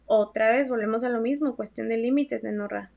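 A woman's voice: a little high, brisk, gravelly. Chatty Mexican woman podcaster. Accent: Mexican Spanish. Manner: chatty, slangy, swinging between loud emphasis and soft asides. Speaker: podcast host. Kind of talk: casual advice podcast.

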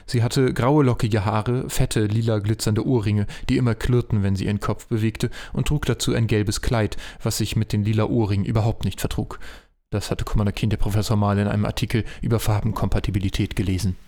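A man narrating a comic fan audio drama in a dry, deadpan way. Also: fairly low pitch, a little fast.

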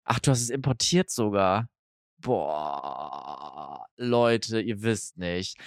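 A man's voice: medium pitch, a little slow, no room sound, clean studio sound. A young man co-hosting a podcast in casual chat, loose and chatty, dropping English slang words. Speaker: podcast co-host.

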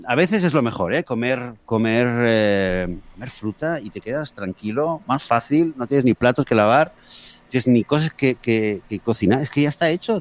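A man co-hosting a casual podcast chat, a father telling a story with many fillers and restarts. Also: medium pitch. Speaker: podcast co-host; father of daughters.

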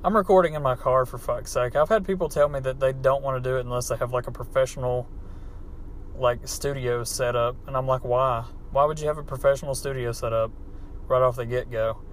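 Sitting in a car, a podcast host with an Appalachian hillbilly American accent talks a little fast at medium pitch, his intonation fairly even. His unscripted monologue is laid-back, profane and self-mocking, recorded on an amateur setup with car noise behind it.

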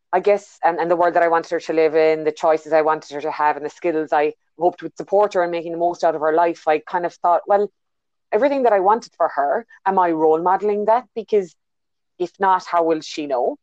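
Interviewed over a call from her bedroom, this Irish business consultant in her thirties appears as a guest, thoughtful and full of fillers and restarts. Her voice sits on the low side, brisk and a little mellow. There's no echo, and the high frequencies are cut off.

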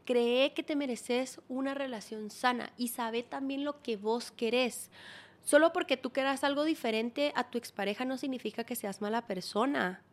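High-voiced frank woman. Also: normal speed. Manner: frank, direct, swears casually, speaks straight to the listener. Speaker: podcast host. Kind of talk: casual advice podcast.

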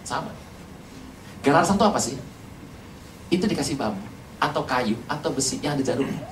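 An animated preacher delivers a joking sermon, throwing question after question at the congregation with a voice that swings widely up and down. The sound is roomy and caught from some distance off the mic, as in a big church hall. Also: mid-range voice, fairly quick, a little hiss or hum. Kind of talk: lively humorous sermon.

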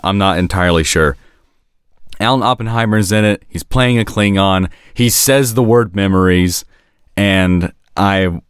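A man hosting a podcast in casual analytical conversation, often pausing to search for words and rephrase. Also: sits low, smooth, no echo, clean studio sound. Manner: hesitant, searching for words, self-correcting. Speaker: podcast host discussing an animated series.

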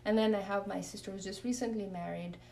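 Her mid-range voice is gravelly and darkish, fast and fairly even in intonation, with slight background noise and some distance from the mic. She is a Kenyan religious sister offering earnest, reflective testimony and prayer in an interview.

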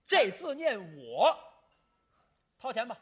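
A man performing a staged comic crosstalk dialogue on stage, teasing and bargaining in animated banter. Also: extremely high pitch, slow pace, breathy edge. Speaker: crosstalk comedian.

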